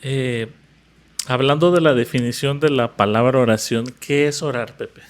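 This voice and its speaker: Podcast host, affirming. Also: male voice, mid-range voice, normal speed. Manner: asks and affirms, echoes the guest. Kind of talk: podcast interview.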